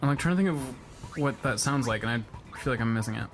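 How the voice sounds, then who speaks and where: A man's voice: mid-range voice, a little fast. A man joking crudely and heckling his friend during a casual gameplay chat. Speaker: let's play co-host. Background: game music.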